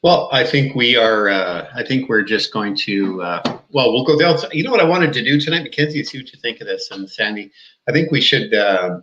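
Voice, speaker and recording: A man's voice: medium pitch, animated, normal speed, pushed and bright, dull audio. A man with a Canadian accent co-hosting a live video chat, speaking hesitantly with many fillers. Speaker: co-host. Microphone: video call. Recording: roomy video call audio.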